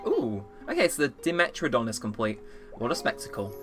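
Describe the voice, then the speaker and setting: An eighteen-year-old man chats casually over a let's play, rambling and making fun of himself as game music plays underneath. His mid-range voice swoops wildly in pitch, and he talks a little fast.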